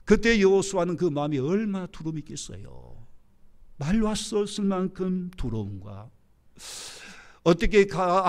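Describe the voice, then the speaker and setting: Male pastor, church sermon, emphatic, rising and falling delivery, slightly high. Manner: emphatic, rhetorical questions to the congregation. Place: church sanctuary.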